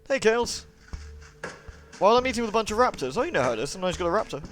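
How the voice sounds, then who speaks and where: In a fairly high, fairly bright voice with wide pitch swings, a British streamer talks very animatedly and at rapid speed. He greets and answers viewers individually in a chatty, friendly, informal way with mild swearing, while moody music plays clearly underneath.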